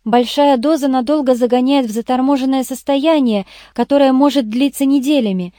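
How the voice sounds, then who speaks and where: A woman's voice: high-pitched, brisk, warm tone, dry recording, clean studio sound, voice pushed up, close to an everyday voice. Woman doing a purring, coaxing young female assistant. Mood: eager. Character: young female detective assistant, eager, wheedling. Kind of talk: audiobook character voice.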